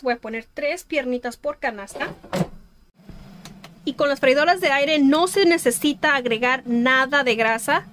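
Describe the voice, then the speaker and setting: High-voiced woman narrating a recipe. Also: slight background noise. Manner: warm, homey, enthusiastic about the food. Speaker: cooking channel host. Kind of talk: voice-over cooking tutorial.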